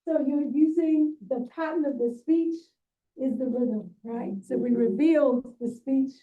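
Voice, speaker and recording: A woman's voice: high voice, measured pace, recorded from a distance, phone-quality sound. A woman leading a movement workshop, coaching with encouraging asides and frequent "right?". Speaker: workshop leader and guest speaker. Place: event hall.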